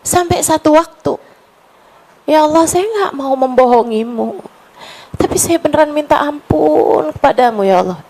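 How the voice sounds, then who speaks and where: A woman's voice: sits high, animated, normal speed, a little mellow, poor audio. A woman preaching a sermon to a women's gathering, talking casually and then turning fervent, slipping into prayer and quoting Arabic. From Indonesia.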